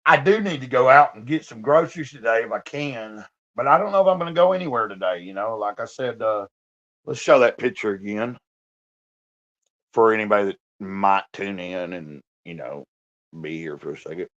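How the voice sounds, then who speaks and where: A man's voice: lively intonation, normal speed, a bit bright. A man chatting casually on a livestream from his bed at home, rambling loosely. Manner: rambling, talks to his dog in a high coaxing voice. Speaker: livestream host. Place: indoors, lying in bed at home. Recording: dull lo-fi livestream audio.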